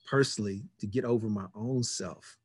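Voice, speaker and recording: Fifties male host, low and husky, earnest and reflective. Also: moderate pace, a little mellow, no room sound. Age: 50s. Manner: earnest, repeats key words. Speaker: podcast host. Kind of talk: reflective conversation.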